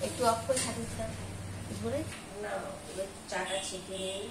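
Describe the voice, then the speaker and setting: A middle-aged woman chats in a rambling, hurried way in a casual home cooking vlog, filmed in her kitchen by her husband. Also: mid-range voice. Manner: chatty and rambling, admits she talks hurriedly and mixes up words. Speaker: vlogger. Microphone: camera held by her husband at some distance. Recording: roomy, distant and noisy home recording.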